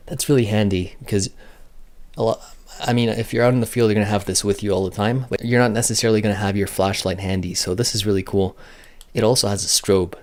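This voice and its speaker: A man with a fairly low, darkish voice talks casually and unscripted about a product. He thinks out loud in a matter-of-fact way, like a reviewer figuring it out as he goes.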